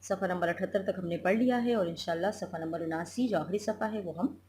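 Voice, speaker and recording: Woman teacher going through a text line by line, glossing words, low hum of noise behind. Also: fast talker, darkish tone. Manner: explanatory, repeats and glosses words, says "theek hai". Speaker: school teacher. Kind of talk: recorded lesson explaining a literature text.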